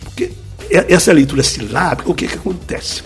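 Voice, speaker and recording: Male teacher guest, bit high, very lively delivery, didactic, faint music behind. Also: a little fast. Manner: lively, didactic, full of examples. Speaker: speed-reading teacher, guest. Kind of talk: explanatory interview answers.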